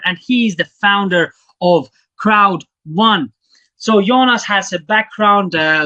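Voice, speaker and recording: A man from Estonia, not an English speaker, giving an enthusiastic, halting business presentation to an online audience. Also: bright, forceful tone, no room sound, muffled recording. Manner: halting, enthusiastic sales pitch with fillers.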